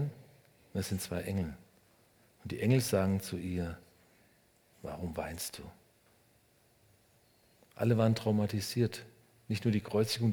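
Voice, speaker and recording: A man preaching a sermon in short phrases, speaking straight to the listener and swinging between loud emphasis and hushed, almost whispered lines. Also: on the low side, breathy edge. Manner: addresses the listener directly and personally. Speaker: pastor.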